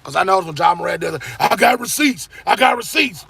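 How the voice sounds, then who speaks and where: A man in his forties hosts a sports channel, rambling casually with viewers and often saying "man." His voice sits high and sounds expressive, pushed, bright and husky, with vocal fry, and he talks a little fast.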